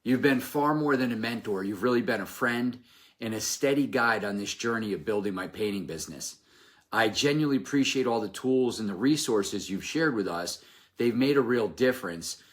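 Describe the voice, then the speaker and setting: A man's voice: on the low side, expressive, moderate pace. A man who owns a painting business giving an earnest, polished video tribute to his mentor. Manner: earnest, polished, scripted-sounding.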